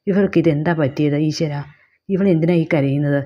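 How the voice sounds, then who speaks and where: A woman reading the lines of a caring elder sister who asks gently and worriedly. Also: sits low, normal speed, dull audio.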